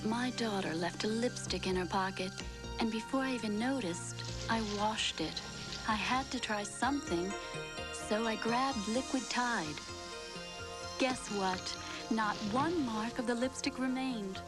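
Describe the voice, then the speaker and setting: A woman as an unhurried everyday mother. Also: a little high, music in the background, lightly acted. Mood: relieved, amazed. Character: everyday mother recounting a laundry mishap. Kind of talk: testimonial TV commercial.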